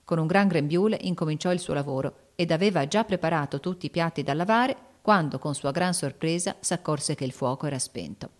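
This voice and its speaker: A woman reading a classic novel aloud as narrator, steady and even. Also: low-pitched, fairly quick, few pauses. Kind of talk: scripted audiobook narration.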